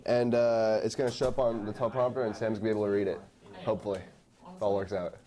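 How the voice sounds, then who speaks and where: A man's voice: fairly low pitch, level tone, fast talker, mellow. A teenage young man on a student crew casually explaining his job.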